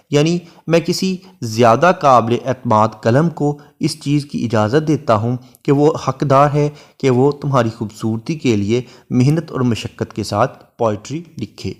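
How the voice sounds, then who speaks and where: Male literature lecturer, mid-pitched, slow verse reading, steady explaining. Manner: reads English verse lines slowly, then explains in Hindi.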